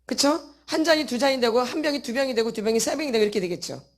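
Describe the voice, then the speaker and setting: A woman's voice: on the high side, quick pace. A woman teaching a church congregation about addiction. She keeps asking rhetorical questions, repeats key words for emphasis, and acts out people's inner thoughts in a casual voice. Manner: asks the audience many rhetorical questions. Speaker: church deaconess giving a teaching talk.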